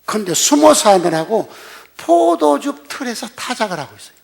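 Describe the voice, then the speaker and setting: A man's voice: very high-pitched, big pitch swings, moderate pace, vocal fry, a little mellow. An older man preaching a sermon as a senior pastor, telling the story in a blunt, colloquial way and throwing rhetorical questions at the congregation.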